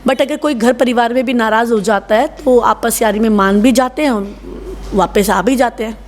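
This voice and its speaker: A woman in her thirties with a Haryanvi accent, a salon owner talking in an interview in a blunt, rough-and-tough, emphatic way. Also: on the high side, moderate pace, slight background noise. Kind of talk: casual interview talk.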